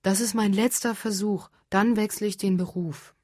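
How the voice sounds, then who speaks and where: A woman voicing a weary young prince in a fairy tale who grumbles slowly about endless dragon fights. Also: mid-range voice, fairly even intonation, mellow, no room sound, studio quality, natural voice. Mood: whiny.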